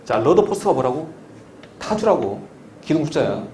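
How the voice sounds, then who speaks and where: A man's voice: fairly high pitch, very animated, normal speed, a little mellow. A man teaching an exam prep class, who keeps asking his students questions and repeats the key terms to drill them. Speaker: maritime exam instructor. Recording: echoey room with faint noise.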